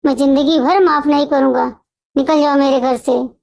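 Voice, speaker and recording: A woman's voice: sits high, steady tone, moderate pace, creaky, darkish tone. A woman doing earnest honest elder brother. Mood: angry. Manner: earnest and stern. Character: honest hardworking older brother, family man.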